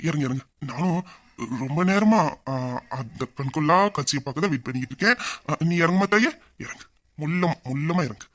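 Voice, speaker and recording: Young man as a teasing husband, fairly high voice, smug and mock-sad. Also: fairly bright tone. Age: young adult. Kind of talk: audio drama acting.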